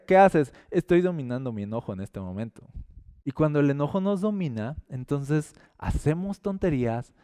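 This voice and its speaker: A man giving a conversational sermon on a podcast, acting out quotes and swinging from loud to hushed. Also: medium pitch, smooth, no echo, studio quality. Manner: lively, acts out quotes and little scenes, swings between loud and hushed. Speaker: podcast preacher.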